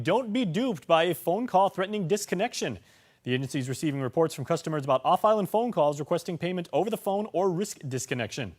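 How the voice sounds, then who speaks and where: A man reading scripted local television news as the anchor. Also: on the high side.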